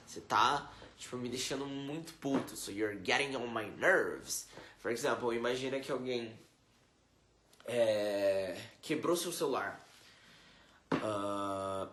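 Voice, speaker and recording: A man's voice: mid-range voice, a bit bright. Chatty Brazilian man teaching English. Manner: chatty, peppered with fillers; slow, careful English examples. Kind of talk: casual video lesson. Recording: echoey room.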